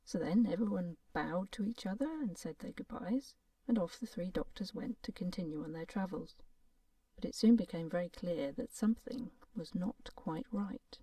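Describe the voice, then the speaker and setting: A woman reading a fairy tale aloud in a soft-spoken, playful manner, often dropping into a half-whisper. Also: on the low side, lively intonation, normal speed, no room sound. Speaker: storyteller. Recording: voice a little distant from the mic.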